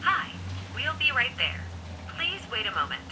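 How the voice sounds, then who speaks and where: A woman's voice: high-pitched, a little slow. Woman's preset doorbell speaker message. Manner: polite, lively recorded announcement. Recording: distant tinny speaker playback with noise.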